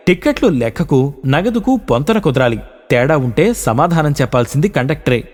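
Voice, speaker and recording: A man's voice: fairly high pitch, sing-song, moderate pace, darkish tone, long reverb tail. A man voicing a stern male bus inspection officer who speaks curtly and by the book. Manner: curt, official.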